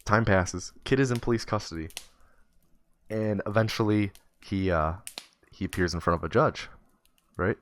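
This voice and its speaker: A man's voice: fairly low pitch, moderate pace, pauses often. A man streamer telling a comic story in a loose, profane, rambling way.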